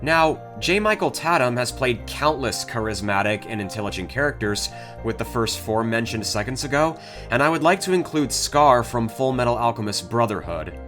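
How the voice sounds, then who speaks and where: A man's voice: mid-range voice, animated, moderate pace. A man reading scripted narration as the host of a video. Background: guitar music.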